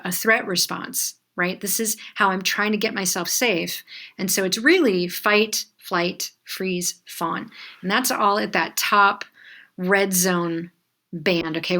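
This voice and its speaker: A woman's voice: medium pitch, pushed and bright. A middle-aged woman clinical supervisor giving a conversational training lecture, with frequent fillers and asides.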